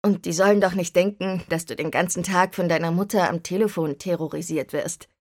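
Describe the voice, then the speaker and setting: A woman's voice: on the low side, fairly even intonation, fairly quick, darkish tone, dry recording, natural voice. Woman reading as a bubbly chatty mom, fussy, audiobook voice, dry close sound. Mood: apologetic. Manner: bubbly, talkative, fussing. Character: cheerful chatty mother, middle-aged woman. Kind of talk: audiobook character voice.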